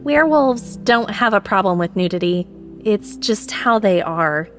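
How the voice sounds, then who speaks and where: A woman voicing a quiet, clever young woman who explains things in a level, matter-of-fact way. She stays calm and plain, slightly above the narrator's pitch, with faint music beneath. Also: a little slow, close to an everyday voice.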